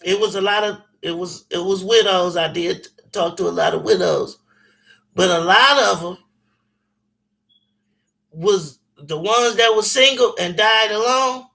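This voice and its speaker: Man, forties, high-pitched, bright sharp tone, rambling casual phone chat, slangy and emphatic. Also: measured pace, creaky, low-quality recording. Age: 40s. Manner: rambling, emphatic, slangy and profane, many restarts. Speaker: caller on a phone conversation.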